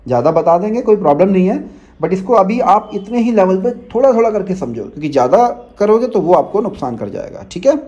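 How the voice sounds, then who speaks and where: A high-voiced man leads a shorthand demo class. His tone is warm and mellow, and he walks through each step slowly, often pausing to ask whether it is clear. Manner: patient, explains step by step, checks in with students often. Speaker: shorthand teacher.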